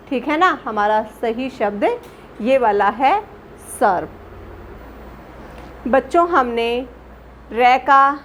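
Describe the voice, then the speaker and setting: A woman's voice: on the high side, a little hiss or hum. A woman teaching a grammar lesson to children, patiently repeating words and asking them questions.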